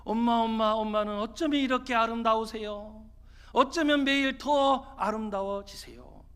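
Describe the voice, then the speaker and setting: A man's voice: very high voice, animated, moderate pace, fairly bright tone, clear, resonant tone, heavily acted. A man voicing a cheerful little boy who gushes over his mother. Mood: sweet. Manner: sweet, gushing.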